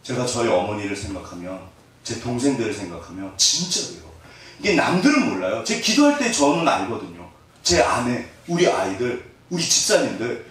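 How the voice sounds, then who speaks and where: Very animated male pastor in an echoey hall. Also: medium pitch, moderate pace. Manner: lively, joking, acts out little scenes. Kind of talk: sermon. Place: church hall. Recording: echoey hall, mic at a distance, faint noise.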